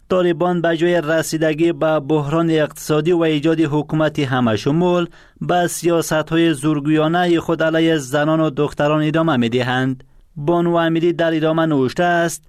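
A man with an Afghan Dari accent reading scripted news in a steady, formal way. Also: on the high side, clear, resonant tone, no echo, clean studio sound. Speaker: news anchor.

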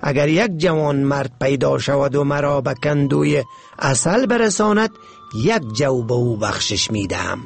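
A greedy, headstrong little ant, as a man puts him on in a storybook tale, raised above the narrator's own voice and shrill. He speaks, insistent and boastful, with a lively, swinging pitch. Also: vocal fry, soft background music. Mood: demanding. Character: greedy stubborn male ant craving honey.

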